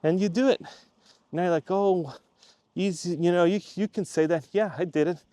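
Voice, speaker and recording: Talking to camera at a moderate pace, a man from Switzerland, a YouTube creator, rambles casually and keeps returning to the same point for emphasis. His voice has a dark tone but sits a bit higher than typical for a man. No room echo is heard; the sound is dry and close.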